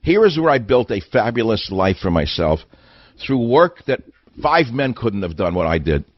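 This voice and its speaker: A man's voice: lowish voice, very animated, normal speed, no echo, highs cut off. An older man hosting a radio talk show, delivering an indignant monologue full of hammering rhetorical questions. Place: radio studio.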